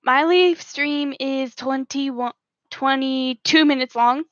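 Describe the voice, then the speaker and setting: A woman's voice: high voice, steady tone, slow, a bit bright, dry recording. A giggly, playful young woman chatting casually on a phone call and planning a role-play story. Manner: giggly, playful, fond of silly sound effects.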